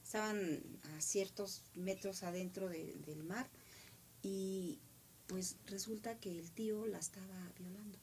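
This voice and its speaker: A middle-aged woman with a Mexican accent telling a story with emotion, now loud, now dropping to a whisper. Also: medium pitch, a little slow, slight background noise. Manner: animated, drops to whispers.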